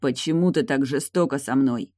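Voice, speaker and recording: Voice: medium pitch, moderate pace, a little mellow, no echo, close to an everyday voice. An insistent, frustrated man who pushes and pleads by turns, read out by an audiobook narrator. The voice stays close to the reader's own level, in a dry, close recording. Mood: pleading. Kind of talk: audiobook dialogue reading.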